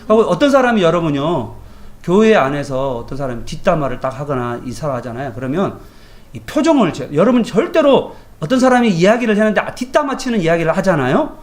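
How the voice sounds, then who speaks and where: A man's voice: a little high, fairly quick. A male pastor giving a morning devotion sermon in a colloquial, anecdotal way, often asking his listeners rhetorical questions. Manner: animated, colloquial, tells everyday anecdotes; asks the congregation rhetorical questions.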